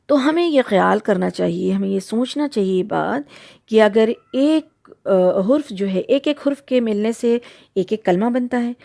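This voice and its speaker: A woman teaching a lesson on Quran recitation, explaining patiently step by step many pauses. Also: fairly high pitch, animated, vocal fry, warm tone. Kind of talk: religious lesson.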